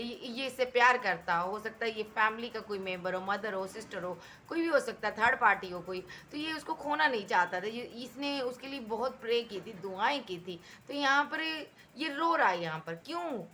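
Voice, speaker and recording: A woman's voice: on the high side, animated, normal speed, hardly any pauses, sharp tone, a little hiss or hum. A woman giving a tarot reading, talking emphatically and repeating herself as she addresses the viewer directly. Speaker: tarot reader.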